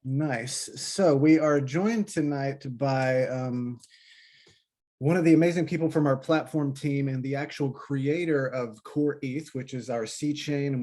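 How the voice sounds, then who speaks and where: An upbeat man hosts a podcast in a casual, friendly chat. His voice sits at an ordinary middle pitch, with nothing unusual about its tone. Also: warm tone. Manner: upbeat, enthusiastic. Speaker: podcast host.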